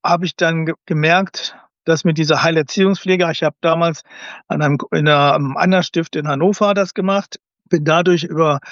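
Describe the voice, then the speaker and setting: High-voiced man, thoughtful and hesitant. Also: dry recording. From Germany. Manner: thoughtful, explains at length with frequent hesitations. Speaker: guest, special-needs educator. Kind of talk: conversational interview. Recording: slightly dull, dry sound.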